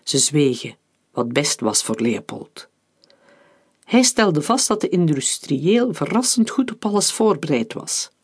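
A man narrating an adventure novel as an audiobook in a calm, steady reading. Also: fairly high pitch, unhurried, slightly rough. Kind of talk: scripted narration.

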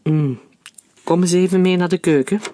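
A man voicing a sly, bearded village doctor with a cruel streak, speaking calmly. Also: high-pitched, moderate pace, natural voice.

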